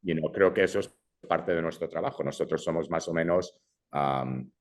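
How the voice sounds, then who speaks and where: A young adult man with an extremely low voice speaks at normal speed. Born in Brazil and raised in Madrid, he is a filmmaker guest talking casually in an interview, often dropping English fillers and restarting sentences.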